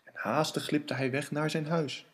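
A man narrating a rhyming children's audiobook with an expressive, sing-song delivery. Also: a little high, moderate pace, slightly rough. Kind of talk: children's story reading in rhyme.

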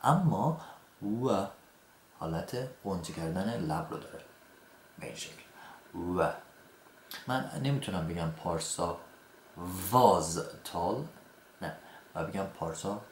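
A man with a very low voice, a native Persian speaker, teaching English grammar. He slows right down for each example sentence, then speeds back up to explain. The room is echoey, with a faint hiss of noise behind him. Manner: slow, deliberate example sentences between quick explanations.

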